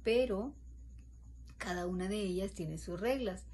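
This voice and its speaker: A woman gives a class presentation on spelling rules, explaining as she goes with fillers and restarts. Her voice is mid-pitched, with a faint noise in the background. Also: steady tone, unhurried, darkish tone. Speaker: student presenter.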